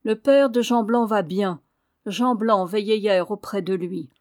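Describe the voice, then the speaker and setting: A woman voicing a strange young albino man who speaks softly and sadly. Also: mid-range voice, measured pace, natural voice. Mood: soft warning. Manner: soft, sad, knowing.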